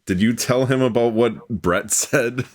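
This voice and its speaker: A man's voice: medium pitch, a little slow. A man hosting a casual gaming stream with friends, teasing them and laughing at his own mishaps. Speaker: streamer and host.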